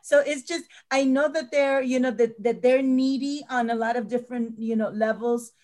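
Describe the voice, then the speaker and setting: A woman's voice: a little high, fairly even intonation, normal speed, a little mellow. A middle-aged woman teacher talking earnestly in a panel discussion, often repeating words as she stresses a point.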